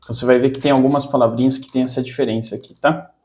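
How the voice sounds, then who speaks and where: Brazilian man, casual English teacher, mellow tone, repeats words to drive them home. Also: medium pitch, fairly even intonation, rapid-fire. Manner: explanatory, repeats words for emphasis. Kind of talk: casual online lesson.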